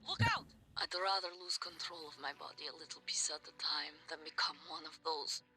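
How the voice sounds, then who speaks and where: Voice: mid-range voice, expressive, brisk, sharp tone, slight background noise. An actor in a video game playing a distressed survivor on a besieged space station, dramatic and urgent. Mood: desperate, afraid.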